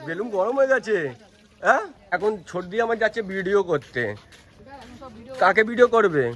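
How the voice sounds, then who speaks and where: Man vlogger, high voice, eager and chatty, filming outdoors on a handheld phone. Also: normal speed. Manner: excited, repeatedly urging viewers to look. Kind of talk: casual vlog narration. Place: outdoors at a family Holi celebration.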